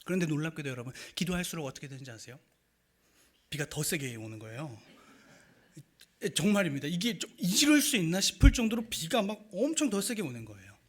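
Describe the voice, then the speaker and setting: Animated young husky-voiced male preacher. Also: on the high side, a little fast. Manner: animated storytelling with acted quotes and rising emotion. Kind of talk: sermon storytelling.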